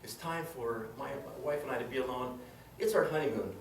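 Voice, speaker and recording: A medium-pitched man speaks briskly, spinning a comedic tall tale in a contest before a live indoor audience. His telling is theatrical, with exclamations and acted-out lines, and the recording is noisy and echoey from a far-off mic.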